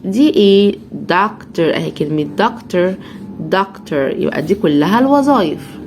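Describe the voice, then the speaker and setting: A woman's voice: on the low side, lively intonation, noisy background. Patient Egyptian woman teaching children English. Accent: Egyptian Arabic. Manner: drills each word slowly, syllable by syllable, over and over.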